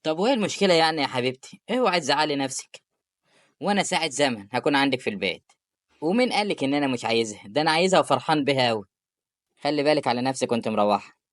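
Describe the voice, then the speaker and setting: A performer with an Egyptian Arabic accent voicing an affectionate, patient young husband in an animated story. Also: female voice, extremely low pitch, no room sound, clean studio sound. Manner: warm-hearted, rapid.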